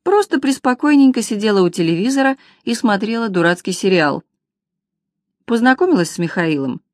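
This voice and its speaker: A woman narrating an audiobook in a brisk, ironic storytelling manner. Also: medium pitch, animated, dry recording, clean studio sound. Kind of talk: scripted narration of a humorous detective novel.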